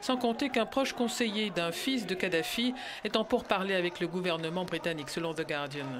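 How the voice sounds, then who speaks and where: A man narrating a news report in a brisk, formal voice-over. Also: sits high. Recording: crowd noise behind the voice.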